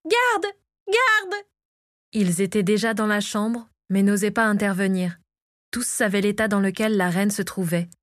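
A woman narrating a fantasy audiobook in a calm, measured storytelling manner. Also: mid-range voice, dry recording, studio quality. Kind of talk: scripted narration of a fantasy novel.

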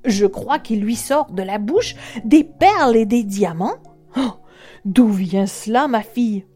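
A woman reading a storybook, voicing a harsh, grasping mother with a loud, sharp, demanding voice. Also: a little high, lively intonation, measured pace, faint music behind.

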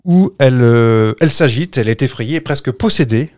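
A man tells a roadside ghost story in an easygoing, jokey way, with many little hesitations. His pitch rises and falls freely as he talks. The sound is dry and close, with hardly any room around it. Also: lively intonation, normal speed, darkish tone, no room sound. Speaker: podcast storyteller. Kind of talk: casual storytelling chat.

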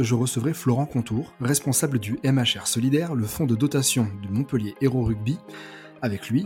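A man hosting a podcast, reading a clear scripted introduction and then putting questions to his guest. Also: medium pitch, darkish tone. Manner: clear, read-aloud presenting. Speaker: podcast host.

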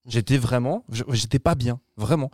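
A man reviewing a film in casual panel chat, animated and slangy, swearing freely and restarting his sentences. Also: medium pitch, normal speed, dry recording, clean studio sound.

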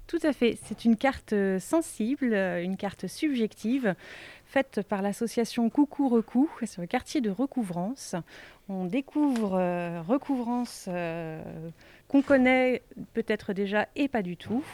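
A woman's voice: a little high, lively intonation, measured pace, a little mellow. A woman bookseller recommending a map, speaking hesitantly with many fillers. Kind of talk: casual book recommendation.

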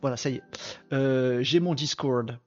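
A podcast host with traces of a Picard (ch'ti) accent chats casually and jokes with his live-stream viewers, often poking fun at himself. His mid-range voice is a little mellow at a moderate pace, with highs cut off and soft background music.

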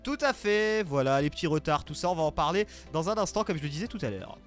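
A man's voice: on the high side, big pitch swings, fast talker, faint music behind. A male radio host in a studio, bantering and teasing his co-host on air. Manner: teasing, joking. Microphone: studio microphone.

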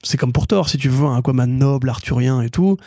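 A man's voice: mid-range voice, mellow, no echo. Opinionated man in dry podcast chat. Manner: rapid, opinionated, laughs often. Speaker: podcast co-host. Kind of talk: casual podcast chat about films.

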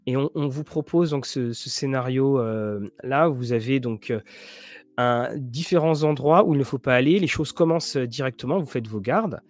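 A man's voice: medium pitch, moderate pace, no room sound. A man hosting a casual show about role-playing games and series, rambling with many restarts and fillers. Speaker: tabletop RPG and series show host. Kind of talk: casual chat to viewers.

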